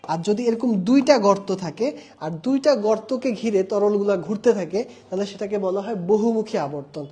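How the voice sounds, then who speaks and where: A man's voice: high-pitched, normal speed, dark tone. A young man teaching an online exam-prep class, explaining with mnemonics and stories and repeating key terms while quizzing his students. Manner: explains with mnemonics and personal anecdotes.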